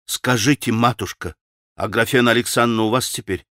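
A man voicing a desperate, frantic strong young man who pleads and shouts in an audiobook. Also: fairly low pitch, moderate pace, no echo, studio quality. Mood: urgent. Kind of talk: audiobook character voice.

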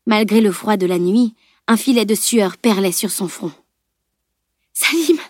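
A woman narrating an audiobook in an even, measured storytelling manner. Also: mid-range voice, no room sound, studio quality.

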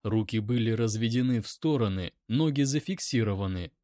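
A man's voice: on the low side, moderate pace, mellow, no room sound, studio quality. A man reading first-person audiobook narration in a tense, dramatic way.

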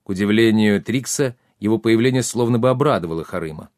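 A man giving steady, measured scripted narration of a fantasy audiobook. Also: fairly low pitch, no echo, studio quality.

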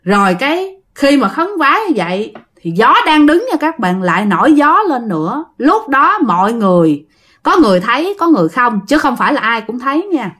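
A woman's voice: fairly high pitch, big pitch swings, a little fast, a bit bright. A woman with a Southern Vietnamese accent telling a ghost story in a chatty way, addressing her listeners directly.

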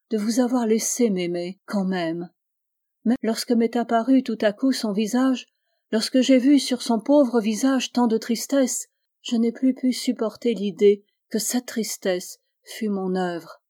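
In an audiobook, a woman lightly acts an anguished, fervent young woman who was once blind, pleading intensely until it rises to vehemence. Her voice is mid-range with a dark tone.

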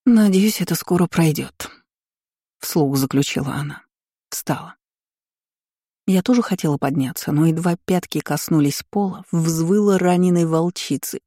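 A woman narrating a first-person audiobook in an expressive way. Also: sits low, moderate pace, dry recording, studio quality. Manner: expressive, acts out her own outbursts.

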